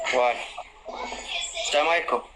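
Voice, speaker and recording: A man's voice: on the high side, fast talker, background noise. A man in his twenties with a Moroccan Arabic accent, calling in on a video call and hesitantly fumbling with the app. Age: 20s. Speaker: caller.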